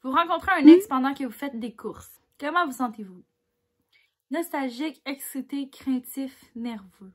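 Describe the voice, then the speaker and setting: A woman's voice: high-pitched, expressive, a little slow. A woman with a Québécois French accent chatting casually as she reads quiz questions aloud and answers them candidly. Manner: chatty and candid, reads each question louder then mulls over answers with little laughs.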